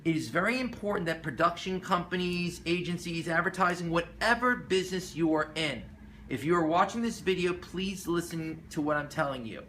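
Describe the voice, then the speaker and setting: A man's voice: a little high, moderate pace, a bit bright. A man giving explanatory commentary in an emphatic, earnest, cautionary way, like an instructor. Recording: clear background noise.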